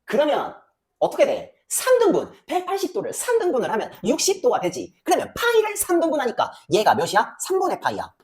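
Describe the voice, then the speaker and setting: Muttering to herself as she works through calculations, a female math teacher lectures with great animation. Her pitch swings widely line by line, and she keeps peppering the class with quick questions.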